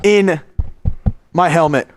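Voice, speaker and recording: A man co-hosting a casual game watch-along stream, his voice muffled as if inside a fishbowl while talking from inside a football helmet, hyped and excitable. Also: on the high side, takes it slowly. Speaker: livestream co-host.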